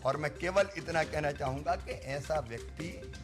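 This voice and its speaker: A man's voice: a little high, normal speed, music in the background. A man, a politician, speaking firmly and insistently. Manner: firm, insistent.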